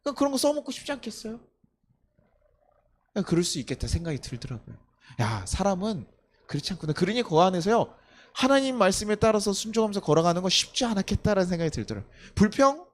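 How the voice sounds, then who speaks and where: A young pastor with a high, light voice gives a conversational sermon. He keeps putting rhetorical questions to the congregation, and now and then he acts out scolding a child in loud outbursts. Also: big pitch swings, quick pace.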